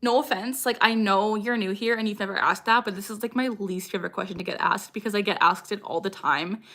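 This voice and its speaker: Speaking quickly with fairly even intonation, a young woman answers viewers' questions in a casual livestream chat. Her medium-pitched voice has a sharp tone; she's upbeat, laughs often, and sudden vocal tics break into her sentences.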